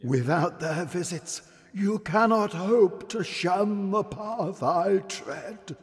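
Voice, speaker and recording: Slow, echoing ghost of Jacob Marley. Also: male voice, high voice. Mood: solemn, commanding. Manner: slow, solemn, drawn-out, portentous delivery. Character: mournful, ominous male ghost warning an old partner. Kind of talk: audio drama acting of Victorian fiction. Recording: long cavernous reverb with music.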